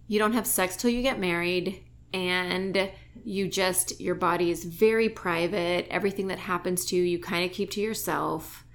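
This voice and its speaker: Candid chatty woman guest. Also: mid-range voice. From Barbados. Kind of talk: casual conversation.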